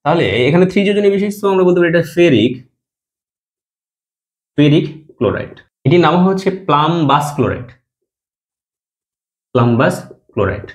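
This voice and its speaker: A man's voice: fairly high pitch, expressive, a little fast. A man teaching a chemistry lesson, explaining step by step and answering his own questions, dropping his voice at the end of each compound name.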